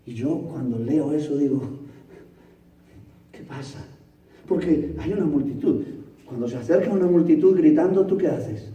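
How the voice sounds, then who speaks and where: A male pastor preaching a sermon, telling the story dramatically and swinging between loud bursts and hushed, near-whispered passages. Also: a little high, a little fast, roomy sound, distant mic, dull audio. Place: church.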